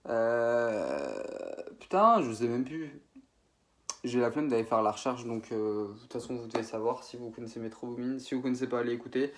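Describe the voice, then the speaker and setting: In a casual ranking video, a young man from France talks through his favorite rap producers at normal speed in a mid-range voice. He rambles, correcting himself and using lots of fillers, all in slangy, informal French.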